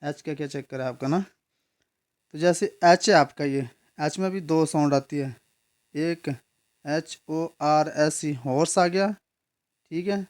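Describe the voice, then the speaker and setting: A man gives an English grammar lesson. His voice sits a little high and sounds smooth and resonant. He explains patiently, keeps checking that his students follow, and slows down to spell words out letter by letter. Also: darkish tone. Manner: explains patiently, repeats words and asks "ठीक है?".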